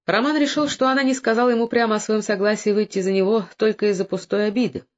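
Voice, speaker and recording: A narrator reads a novel aloud in a steady, even storytelling manner. The recording is dull and lo-fi, with a medium-pitched voice. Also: fast talker. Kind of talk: scripted audiobook narration.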